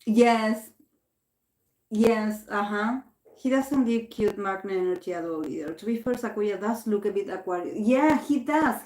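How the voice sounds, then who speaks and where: Pitched on the high side and slightly mellow, the tarot reader chats in English on her livestream. Originally from Argentina with Spanish as her first language, she restarts often and reads comments aloud, and the recording echoes in the room.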